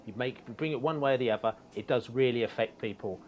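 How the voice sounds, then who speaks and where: Male host, middle pitch, emphatic opinions in a casual chat. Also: fast talker, slight background noise. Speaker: podcast host.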